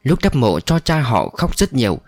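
A male storyteller reading a dramatic tale with an expressive delivery. His mid-pitched voice rises and falls in lively swings. The recording is dry and close, with no echo. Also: normal speed, faint music behind. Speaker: narrator. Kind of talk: storytelling narration.

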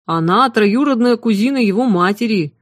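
Reading an audiobook, a woman voices a huge, motherly female cook with a drawling, sing-song, folksy manner, pushing her voice up to a little high with lively intonation at a moderate pace. The sound is dry, clean studio audio.

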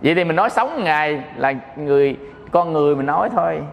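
A man with a high voice and a Southern Vietnamese accent, teaching as a Buddhist monk. He jokes as he preaches and keeps asking if his listeners understand. His voice rings out in a hall with a long reverb. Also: lively intonation, quick pace, creaky. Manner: playful, joking, often checks the audience understands. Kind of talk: dharma talk sermon.

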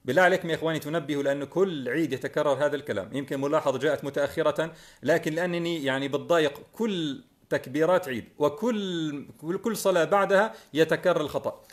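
Middle-aged male preacher, earnest and corrective, slightly high voice. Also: quick pace. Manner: earnest, corrective, drawls out demonstrated chants. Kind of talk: religious lesson.

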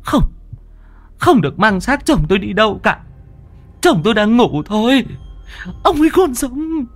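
A man voicing a hysterical middle-aged woman in a ghost story, wailing in falsetto. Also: expressive, a little slow, soft background music. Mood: defiant.

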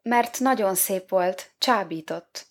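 A woman voicing Eve, a sweet, playful young woman who speaks gently and coaxingly in a storybook reading. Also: mid-range voice, pitched above the performer's own voice, natural voice.

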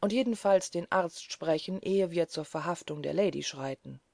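A woman reading aloud voices a grave, courteous gentleman who speaks in a measured, solemn way. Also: lowish voice, gravelly, no room sound.

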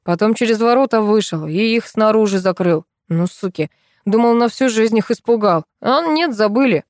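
A woman voicing a coarse, furious man who yells and swears, reading a story aloud. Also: medium pitch, animated, normal speed, no room sound, studio quality, pitched above the performer's own voice, lightly acted. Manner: yelling, swearing, explosive.

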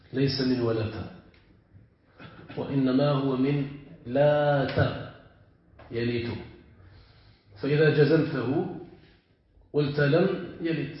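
A man, a sheikh, teaching a class, stretching key words slowly and often asking his students whether they have understood. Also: medium pitch. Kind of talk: classroom lesson with questions to students. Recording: very echoey, dull lo-fi room.

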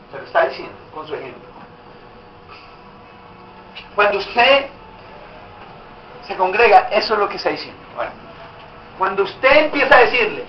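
A man's voice: sits high, bright, forceful tone, muffled recording, slight background noise. A male pastor preaching a sermon, exhorting the congregation with direct questions, recorded in a church hall.

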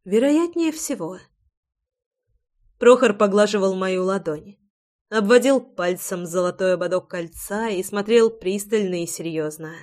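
Woman, audiobook narrator, first-person romance, intimate, reflective, mid pitch. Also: normal speed, a little mellow.

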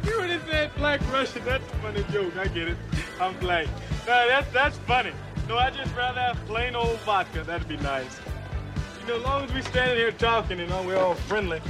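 A cocky, fast-mouthed street hustler in a 1980s action film, talking in a very high voice that stays brash and mocking. Music plays clearly under his lines on the soundtrack. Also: animated. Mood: mock friendly. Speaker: convict posing as a cop.

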